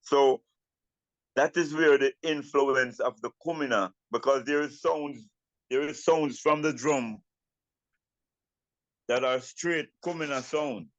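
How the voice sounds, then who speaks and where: An older Jamaican man talks in Rastafari speech at a very slow, deliberate pace, repeating phrases as he reflects. The sound is roomy and a little muffled. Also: medium pitch. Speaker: interviewee, Rastafari elder and drummer. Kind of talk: reflective interview talk.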